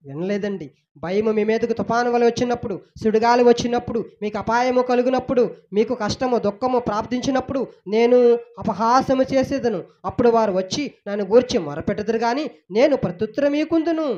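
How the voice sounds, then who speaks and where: A woman's voice: fairly high pitch, brisk. Fervent preacher woman, dull lo-fi sound. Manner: emphatic, repetitive, swings between loud rebuke and hushed pleading. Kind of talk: emotional sermon with scripture reading.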